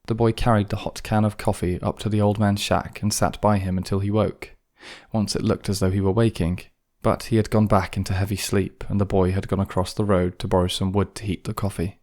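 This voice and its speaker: A man narrates an audiobook in a very deep voice. His delivery stays flat and steady throughout, with little rise and fall. The reading is calm and measured. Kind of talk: scripted narration.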